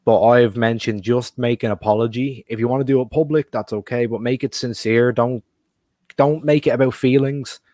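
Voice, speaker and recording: A man in a casual chat, bluntly and calmly giving his view and advice. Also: mid-range voice, normal speed, no room sound, clean studio sound. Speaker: friend joining the chat.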